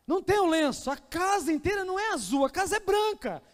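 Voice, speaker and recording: A man's voice: very high-pitched, fairly quick, voice pushed up. A man voicing a kind, chatty young woman on a train, eager and reassuring, with a Brazilian Portuguese accent. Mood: excited. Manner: eager, reassuring, grows excited. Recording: reverberant church hall.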